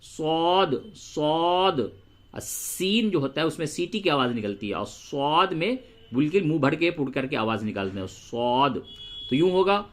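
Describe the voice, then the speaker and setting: High bright-voiced man teaching Quran recitation. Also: sing-song. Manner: slow drawn-out recitation of verses between brisk explanations; addresses listeners as brother, repeats sounds for drilling. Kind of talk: tajweed lesson, explaining and reciting.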